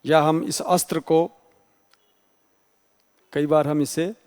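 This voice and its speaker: A man's voice: fairly high pitch, little pitch movement, slow pace, a little mellow, clear, resonant tone, long reverb tail. A male teacher giving an exam-prep grammar lecture, explaining patiently and spelling out letters one by one.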